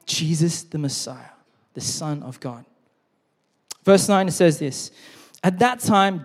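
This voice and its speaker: A man preaching a sermon as pastor, earnest, repeating key phrases and slowing down to read scripture. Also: on the high side, darkish tone. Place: church hall. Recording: long reverb in a large hall.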